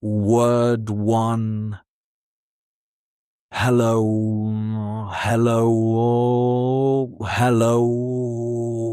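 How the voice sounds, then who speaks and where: Male relaxation-lesson teacher: calm, very drawn-out pacing, repetitive phrasing, dry close recording. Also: mid-range voice, no echo. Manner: calm, unhurried, repeating words with pauses. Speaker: English teacher and relaxation guide. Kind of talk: slow guided relaxation language lesson.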